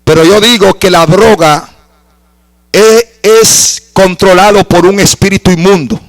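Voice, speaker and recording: A man preaching a sermon as a pastor, telling a dramatic story and rising to shouted praise. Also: sits high, unhurried, no echo, poor audio.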